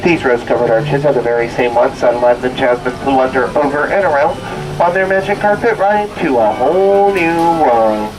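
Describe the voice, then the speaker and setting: A man giving a theme park ride spiel as boat skipper, telling scripted stories theatrically with puns and drawn-out words. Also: mid-range voice, recorded from a distance, rough recording. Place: outdoors on a tour boat.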